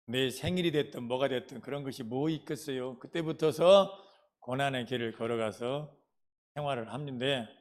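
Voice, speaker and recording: Folksy Korean pastor with Jeolla dialect. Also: male voice, on the high side. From Jeolla province, Korea. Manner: folksy storytelling, asks the congregation questions. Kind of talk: sermon with personal testimony.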